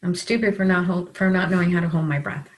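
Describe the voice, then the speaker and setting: Calm woman leading a tapping session. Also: fairly low pitch, fast. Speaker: EFT practitioner. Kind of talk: guided tapping session, leading phrases to repeat.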